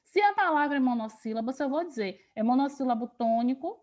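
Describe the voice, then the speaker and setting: A woman teacher with a Brazilian Portuguese accent, giving a grammar lesson over a video call and drawing words out slowly for emphasis. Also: sits high, animated, darkish tone.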